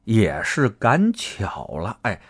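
A man, hosting a podcast and telling a story in a casual, animated, colloquial way. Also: on the low side, takes it slowly, husky. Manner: animated, colloquial, acts out characters' lines. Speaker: podcast host.

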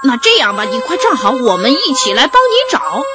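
A trio of eager farm animals in a bedtime story, calling out urgently and cheering a friend on, voiced by a woman narrator. The voice is high and bouncy, with music playing behind. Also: huge pitch swings, brisk. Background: background music.

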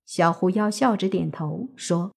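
A woman narrating a serialized novel in steady storytelling. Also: lowish voice, a little slow, gravelly. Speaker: audiobook narrator.

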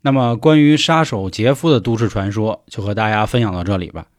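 A man's voice: on the low side, a little fast, no room sound, clean studio sound. A man with a Beijing Mandarin accent telling an urban legend in a chatty, colloquial podcast style. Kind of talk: podcast storytelling.

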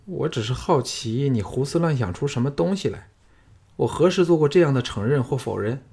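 A proud young noblewoman with a sharp tongue, voiced by a male narrator. She talks in teasing, haughty retorts, and her voice is a little husky. It sounds like a storybook recording. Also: medium pitch, animated, a little fast. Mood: evasive. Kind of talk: audiobook character voice.

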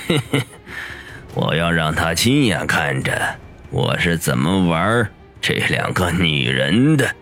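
A man's voice: low-pitched, big pitch swings, slow, a bit bright, soft background music, heavily acted. A man voicing an arrogant, lecherous young gang boss who sneers and gloats with menacing chuckles in an audiobook. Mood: gloating. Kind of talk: audiobook character voice.

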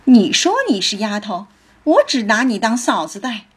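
A woman voicing a playful, sharp-witted young noblewoman who teases in a breathy voice. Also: a little high, animated, normal speed. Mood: teasing. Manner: playful, teasing.

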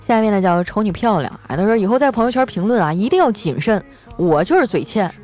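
A woman's voice: mid-range voice, sing-song, fast talker, darkish tone, soft background music. A woman host, chatty and teasing, reading funny listener stories and laughing along as she tells them. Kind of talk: comic storytelling.

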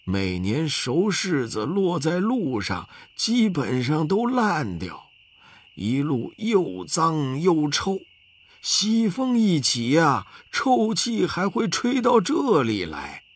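A man's voice: fairly high pitch, huge pitch swings, husky, full character voice. A man voicing a timid but proud old village elder who sighs and drags out his exclamations. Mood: complaining. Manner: sighing, drawn-out exclamations. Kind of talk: children's storybook narration.

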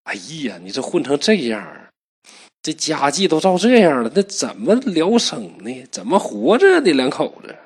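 A man's voice: on the high side, wildly swooping pitch, moderate pace, husky, heavily acted. A man voicing a kindly old female fox spirit who sighs and coaxes in a storybook tale. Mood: sighing. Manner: sighing, coaxing.

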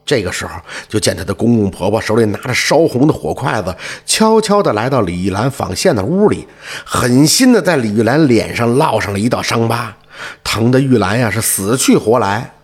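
Brief: male storyteller narrating a folk tale, husky voice, lively pitch, dramatic and expressive. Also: fairly quick. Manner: animated, expressive, rising and falling.

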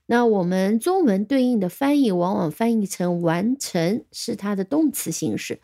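A woman's voice: mid-range voice, animated, moderate pace, mellow. A woman teaching an English vocabulary lesson in Chinese, patiently spelling words letter by letter and giving example sentences.

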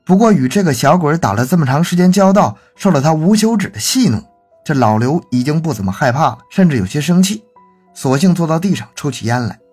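A man narrating a folk ghost tale in a folksy, animated storytelling manner. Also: fairly high pitch, fairly quick, slightly rough, faint music behind.

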